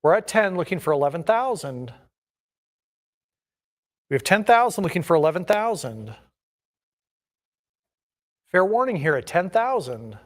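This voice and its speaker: Higher-pitched male auctioneer calling bids. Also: sing-song, a little slow, pauses often. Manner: repetitive chant of numbers and bid increments.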